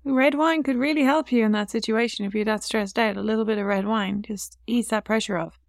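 A woman's voice: on the high side, steady tone, brisk, no room sound. Woman podcast co-host, earnest parenting tips, dry close sound. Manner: earnest, giving step-by-step advice; acts out what to say to a child. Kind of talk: casual podcast chat.

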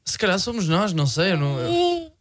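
A man with a European Portuguese accent co-hosting a radio show, arguing jokingly and quickly. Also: high voice, huge pitch swings. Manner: quick, jokey, argumentative. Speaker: radio co-host. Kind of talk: playful studio banter.

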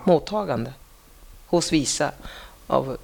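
Gravelly woman police officer, animated storyteller. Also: low voice, background noise. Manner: animated storytelling, acts out quotes, repeats words. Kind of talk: casual conversation.

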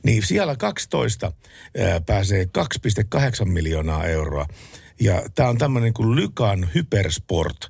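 A man co-hosting a late-night radio talk show in a relaxed, chatty way, reading out listener messages. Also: lowish voice, gravelly, slightly rough, no room sound. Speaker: radio co-host.

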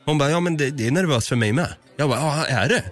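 Animated man telling a story. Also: a little high. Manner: animated, acts out both sides of the story. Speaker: podcast co-host. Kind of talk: casual storytelling chat.

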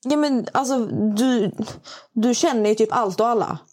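A woman from Malmö, a guest friend on a podcast, chatting casually and telling stories with animated quoted voices. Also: fairly high pitch. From Sweden, Malmö. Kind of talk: casual chat.

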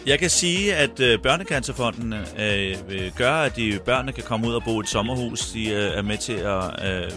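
A middle-aged man as a radio guest telling long, animated anecdotes in casual chat. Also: medium pitch, hardly any pauses, over music. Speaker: radio guest, quiz setter.

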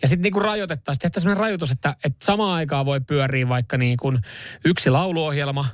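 A man's voice: on the high side, no room sound, studio quality. A man hosting a casual chat show, rambling and laughing easily as he tells stories. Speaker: radio show host.

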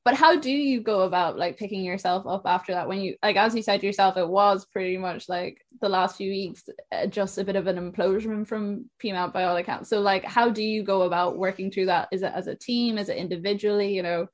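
A woman's voice: medium pitch, steady tone, brisk. A young woman with a west of Ireland accent, hosting a casual podcast interview. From Sligo, west of Ireland.

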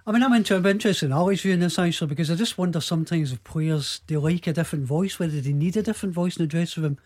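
A man on a radio sports panel thinks aloud about players and contracts. His voice sits a bit high for a man. He muses more than he argues. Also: very fast, darkish tone. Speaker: football journalist on a panel.

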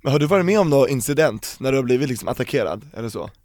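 Guy hosting, quick questions, dry close mic. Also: mid-range voice, lively intonation, a little mellow, dry recording. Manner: asks short probing questions. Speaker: podcast host. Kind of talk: casual interview.

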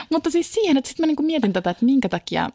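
A woman's voice: high voice, big pitch swings, dark tone, no room sound, clean studio sound. A woman co-hosting a casual chat show, telling self-mocking stories and laughing often. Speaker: podcast co-host.

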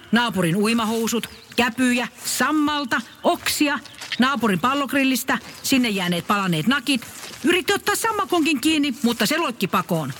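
A woman narrating a comic Christmas story in a calm storytelling manner. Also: a little high, long reverb tail, slight background noise.

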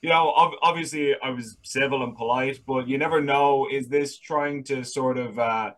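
A man's voice: medium pitch, fairly even intonation, moderate pace, low-quality recording. Earnest young Dublin man as guest. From Ireland. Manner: earnest, candid, with frequent restarts. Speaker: guest, political correspondent. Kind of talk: casual interview.

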